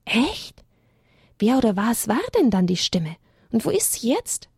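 A cheeky young male animal from a children's story, as a woman reader puts him on. He speaks high and bold, with a gravelly, husky edge. The sound is close and dry. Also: very animated, measured pace, dry recording, exaggerated voice. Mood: curious, uneasy. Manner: cheeky, loud-spoken.

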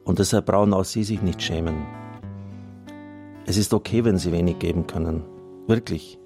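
A priest on the radio, deep-voiced and moving at a moderate pace, reads listener messages and appeals for donations in an earnest, plain manner. Music plays in the background.

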